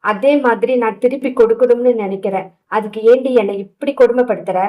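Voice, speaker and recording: A woman reading an audio novel, voicing a brusque but caring young husband in a gruff, scolding manner. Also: a little high, a little fast, phone-quality sound, close to an everyday voice. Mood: anguished.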